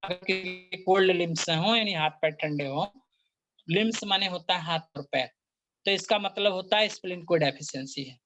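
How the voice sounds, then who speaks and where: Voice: medium pitch, normal speed, fairly bright tone, slight background noise. A teacher of acupuncture and Chinese medicine giving a workshop lecture, explaining step by step with patient case stories and repeating key terms.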